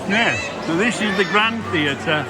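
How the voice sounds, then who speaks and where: Animated but unhurried, a man with a high-sitting voice gives rambling, chatty vlog commentary, repeating things and directing questions at the listener. He moves between a city street and a busy theatre auditorium, where music and crowd chatter fill the background.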